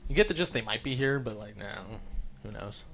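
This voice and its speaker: A man narrating as game master in a tabletop game, loose and relaxed with lots of fillers. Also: medium pitch, brisk, a little hiss or hum.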